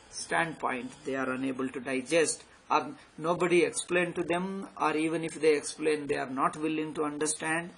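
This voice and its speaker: A man's voice: fairly high pitch, vocal fry, fairly bright tone, a little hiss or hum, rough recording. A man with a South Indian accent giving an extempore philosophy lecture as a spiritual teacher, speaking emphatically and repeating phrases to drive points home.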